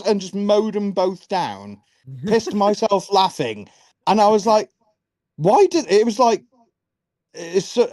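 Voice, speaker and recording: A man co-hosting a podcast, casually recounting a gaming anecdote in a lively storytelling way. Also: high-pitched, no echo, studio quality. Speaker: podcast co-host.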